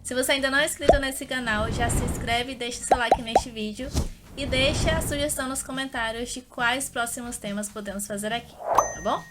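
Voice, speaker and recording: A young woman hosting a language lesson, saying each phrase slowly and repeating it clearly. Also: fairly high pitch, fairly even intonation, very noisy. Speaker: language teacher, channel host.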